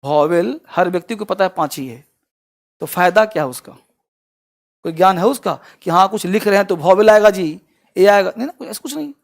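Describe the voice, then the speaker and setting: A man teaching an online English class in Hindi, asking his students questions and answering them himself. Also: high voice. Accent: Bhojpuri-region Hindi.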